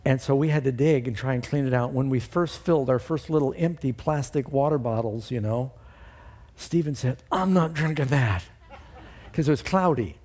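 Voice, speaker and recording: A middle-aged pastor preaching a storytelling sermon in a warm, mellow man's voice. He lifts his voice high and loud whenever he quotes scripture, then drops back to an easy narrating tone. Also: a little fast.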